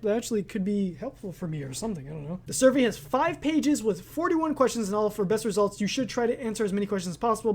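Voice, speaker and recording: A man's voice: high-pitched, darkish tone. A young man chatting casually as he reads a quiz aloud, rambling and often correcting himself, and laughing at his own words. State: hiccuping. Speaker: gaming video creator.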